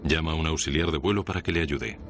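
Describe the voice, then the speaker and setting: A man reading a scripted documentary narration in a measured, serious way. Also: rumbling low, fairly even intonation, fairly bright tone, a little hiss or hum. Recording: music under the voice. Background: background music.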